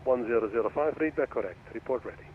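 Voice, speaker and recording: A man working as an air traffic controller, giving procedural clearances over a radio. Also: medium pitch, expressive, fast. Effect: radio transmission. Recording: narrow tinny radio, faint noise.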